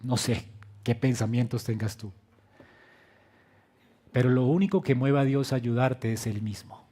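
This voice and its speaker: A man preaching a sermon as pastor, swinging between quiet low phrases and loud emphatic bursts, and asking the congregation direct questions. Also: fairly even intonation, unhurried. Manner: acts out quoted lines with direct questions to the congregation.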